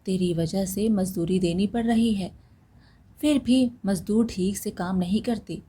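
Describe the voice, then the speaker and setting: Storybook role: a brusque, hard-working farmer brother, slow and mellow, read by a woman. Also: medium pitch, slightly rough.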